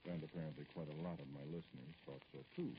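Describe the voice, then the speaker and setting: In an old radio drama, a male actor plays a dignified, brooding middle-aged politician who feels wounded and indignant while addressing a caller. His very deep, gravelly voice stays fairly even in intonation, and he speaks formally, hesitantly and pointedly with pauses. The vintage recording is noisy and dull.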